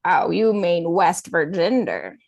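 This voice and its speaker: An actress playing a gossipy woman in a scene, speaking slowly and drawing her words out. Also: fairly low pitch, very animated, vocal fry, darkish tone, dull audio, heavily acted.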